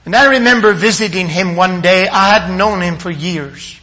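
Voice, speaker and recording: An older man preaching a sermon, dramatic, dropping to a hush and then rising to emphatic appeals. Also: high voice, moderate pace. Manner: dramatic, swinging from hushed to emphatic.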